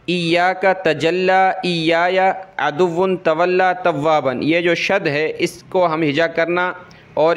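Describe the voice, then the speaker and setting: High, smooth-voiced man teaching Quran reading. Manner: slow, drawn-out spelling and recitation between plain explanations; asks the learner questions and answers them himself. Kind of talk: step-by-step recitation lesson.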